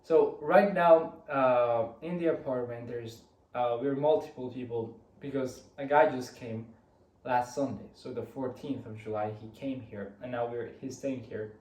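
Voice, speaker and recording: A man's voice: medium pitch, fairly even intonation, a little slow, darkish tone. A young man from Rica, telling his week in a chatty, rambling way with many restarts. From Costa Rica. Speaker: vlogger. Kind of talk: casual weekly recap monologue. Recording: roomy, from a distance.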